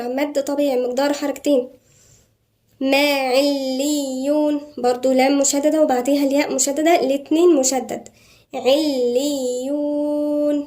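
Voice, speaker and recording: A woman with an Egyptian accent, a Quran recitation teacher giving a tajweed lesson, who explains quickly and then slowly draws out each word as a model. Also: high-pitched, a little mellow. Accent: Egyptian Arabic. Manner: brisk explanations broken by slow, drawn-out model recitation.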